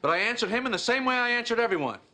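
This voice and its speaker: A man's voice: very high-pitched, lively intonation, rapid-fire, sharp tone, full character voice. An actor in his thirties playing a wry comedian who tells stories with theatrical flair in a sitcom. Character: wry male comedian, neurotic and jokey. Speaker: sitcom lead. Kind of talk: sitcom acting. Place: studio apartment set. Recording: sitcom audio with audience laughter.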